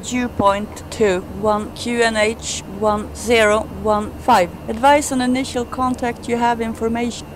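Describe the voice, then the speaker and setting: A synthetic woman's voice reading an automated airport weather broadcast in a flat, measured way. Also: a little high, noisy background. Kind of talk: recorded weather information loop.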